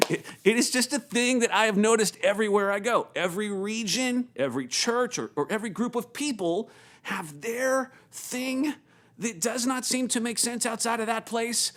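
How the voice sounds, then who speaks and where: A male pastor preaching a sermon in an animated storytelling manner, often repeating words as he goes. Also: sits high.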